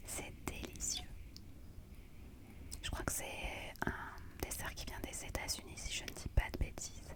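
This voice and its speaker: A woman narrates a travel vlog entirely in whispers, quiet and hushed as if at night. She speaks close to the microphone in an ASMR style, recounting things as a vlogger would. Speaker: vlogger narrating her trip.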